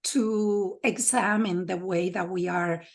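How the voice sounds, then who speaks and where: Slow, reflective woman interviewer. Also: lowish voice, steady tone, creaky. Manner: slow and reflective, with soft fillers. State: choked up with emotion. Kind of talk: conversational interview.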